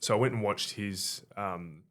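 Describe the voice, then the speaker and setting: A relaxed Australian man with a very deep voice, talking casually as a podcast guest. He tells stories in a loose, anecdotal way, full of "like" and "sort of". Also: measured pace. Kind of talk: casual conversational storytelling.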